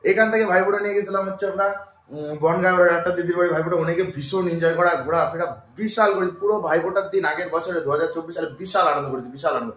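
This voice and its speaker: Young male vlogger, hoarse from a cold, rattles along at breakneck speed in a slightly high voice, chatty to camera. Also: very fast, fairly bright tone. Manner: chatty, keeps talking straight to viewers. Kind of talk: casual daily vlog. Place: at home, indoors.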